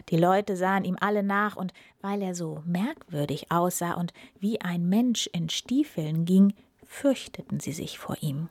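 Woman, whispered storytelling of a fairy tale, slow soft whisper, dry close sound. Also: lowish voice, no room sound.

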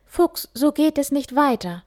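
A woman voicing an eager little male hare in a storybook reading, higher and louder than her narration. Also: expressive, unhurried. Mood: firm. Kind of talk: storybook character voice.

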